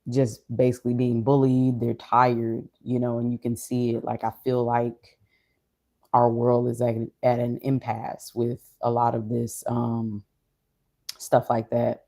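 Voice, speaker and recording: Low, unhurried, mellow voice, even and subdued. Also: vocal fry. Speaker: streamer or vlogger. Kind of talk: casual reflective monologue to an audience.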